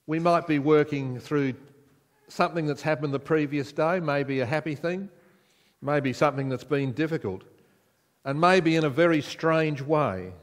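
An older man with an Australian accent preaching a sermon in a conversational way, putting questions to the congregation. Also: medium pitch. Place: church sanctuary, indoors. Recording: long church reverb.

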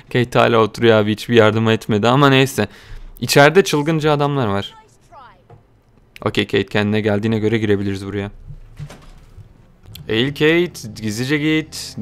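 Young male gaming host, casual and jokey, with a clear, smooth voice. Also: lowish voice, moderate pace, pauses often. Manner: joking, excitable, calls viewers "abi". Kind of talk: casual gameplay commentary.

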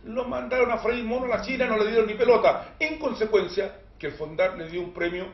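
High-voiced Chilean man hosting a talk show. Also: a little fast, reverberant, dull audio, a little hiss or hum. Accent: Chilean Spanish. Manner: animated, emphatic storyteller with jokes. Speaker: host. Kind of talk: casual studio chat.

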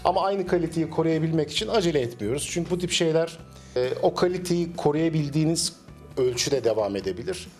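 A middle-aged man, a cafe owner, answering interview questions at a measured pace with frequent hesitation fillers, recorded on a handheld mic in a small cafe. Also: fairly high pitch, expressive, a little mellow, faint music behind. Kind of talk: business interview.

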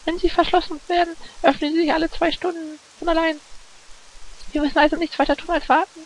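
A man doing a high falsetto young woman. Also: little pitch movement, brisk, low-quality recording. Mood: calm, matter-of-fact. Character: young woman, calm and practical. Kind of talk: reading game dialogue aloud.

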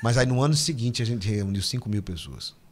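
A man, a missionary guest on a podcast, telling stories in a lively, repetitive, acted-out way. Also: on the low side, fairly quick. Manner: vivid storyteller, repeats himself, acts out scenes. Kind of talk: casual storytelling interview.

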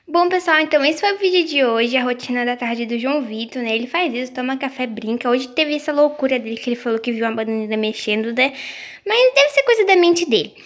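A high-pitched female voice narrates a casual role-play vlog as a mother. She speaks softly and gently, coaxing the children and chatting with viewers. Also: lively intonation, quick pace. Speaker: vlogger playing mother.

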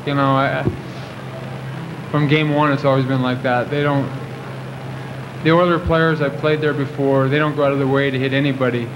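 In a noisy old video recording from a press conference room, a male athlete in his twenties answers post-game questions into the table microphones at the podium. His mid-range voice is flat and moderately paced, with long pauses, and he rambles through many fillers and restarts.

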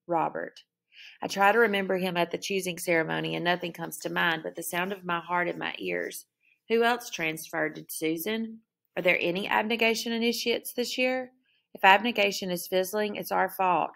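Woman narrator, first-person novel reading, heavy vocal fry, low pitch, steady pace. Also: normal speed. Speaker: audiobook narrator.

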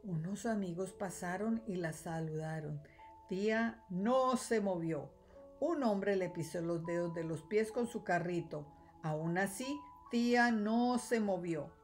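A woman teacher reading a children's storybook aloud, clear and expressive. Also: on the low side, slow pace, faint music behind. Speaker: third-grade teacher.

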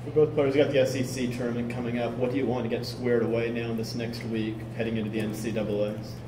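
A man's voice: mid-range voice, level tone, fast. A man, a sports reporter asking direct questions at a press conference. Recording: echoey room, distant mic, hiss.

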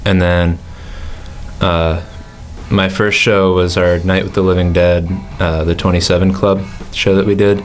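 A man's voice: low voice, little pitch movement, unhurried, faint music behind. An eighteen-year-old man answering interview questions casually, rambling a little with fillers, in a studio. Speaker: music school student. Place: indoor studio in front of a backdrop.

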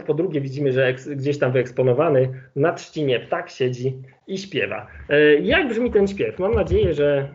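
A man giving an online lecture with slides as an ornithologist, explaining in a relaxed way and thinking aloud with fillers. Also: fairly high pitch. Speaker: ornithologist giving a webinar presentation. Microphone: video call. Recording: lo-fi video call audio.

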